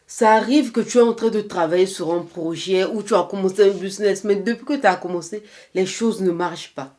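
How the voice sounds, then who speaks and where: A woman's voice: medium pitch, a little fast, darkish tone. A young woman vlogger talking straight to her viewer, giving earnest, repetitive life advice with a touch of faith. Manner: faith-tinged encouragement. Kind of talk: casual motivational talk to camera.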